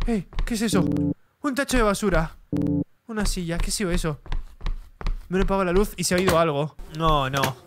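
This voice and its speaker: A man's voice: high voice, fairly quick, long pauses, background noise. A young man from commenting on a horror game, easily startled and repeating exclamations. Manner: jumpy, reacts with frightened shouts and repeated exclamations. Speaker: gaming streamer.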